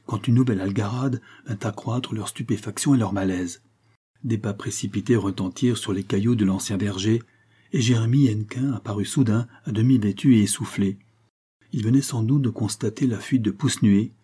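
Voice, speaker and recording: Brief: male audiobook narrator, dark, very husky, measured. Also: lowish voice. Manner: measured, dramatic reading. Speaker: audiobook reader. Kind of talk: scripted literary narration.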